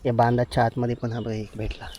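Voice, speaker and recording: Walking through forest and fields to forage wild mushrooms, a man from Konkan, India, with a Konkan Marathi accent narrates a casual vlog, repeatedly pointing things out and urging viewers to look. He talks fast in a medium-pitched, mellow voice with completely flat delivery, and there's a little hiss or hum.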